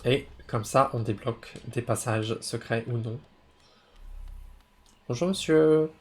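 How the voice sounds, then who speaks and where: Husky male voice, casual game commentary, explains words, self-correcting. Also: medium pitch, flat delivery, normal speed, fairly bright tone. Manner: chatty, stops to explain words, corrects himself. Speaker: French teacher playing a video game. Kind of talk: casual gameplay commentary for learners.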